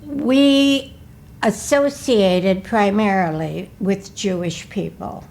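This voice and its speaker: A woman in her eighties from Wisconsin, recalling her life in a slow, careful, measured way during an interview. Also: medium pitch, darkish tone. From Milwaukee, Wisconsin. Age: 80s. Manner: slow, careful, measured recollection, often asking to repeat. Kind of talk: recorded life-story interview.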